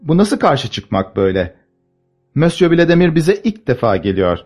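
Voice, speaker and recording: A man doing a teasing young princess in a storybook reading, her voice lifted high and bright above his own. She commands her guests with a coaxing, imperious ease, and soft music hums faintly beneath her. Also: very animated, moderate pace, slightly rough.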